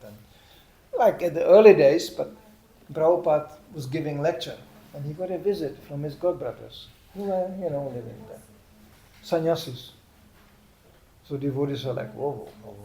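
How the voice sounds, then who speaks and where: A man's voice: on the high side, gravelly. Older man telling sermon stories. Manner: lively anecdotal telling with "you know" asides. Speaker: preacher. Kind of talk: storytelling sermon. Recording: echoey room, faint background noise.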